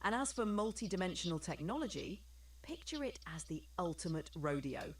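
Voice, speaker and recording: A woman's voice: lowish voice, very animated, normal speed, recorded from a distance. A text-to-speech woman's voice acting as an AI assistant, upbeat and agreeable, telling stories with slang on request.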